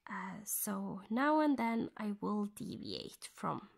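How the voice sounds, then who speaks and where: Softly, nearly whispering, a woman from Norway describes her cross-stitching in English, her second language, with a Norwegian accent. She has a mid-range voice with vocal fry and is very animated, pausing to mull things over during this informal stitch-along.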